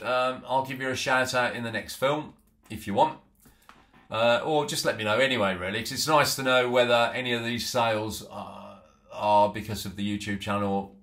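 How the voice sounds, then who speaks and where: A middle-aged man who resells antiques casually narrates a haul from his small home office, seated at the desk and frequently restarting with ums. His voice is medium in pitch and a bit bright.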